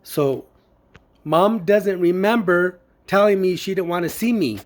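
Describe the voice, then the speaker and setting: A man testifying before a judge, speaking earnestly and haltingly with many fillers and restarts. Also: sits high. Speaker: witness testifying in court.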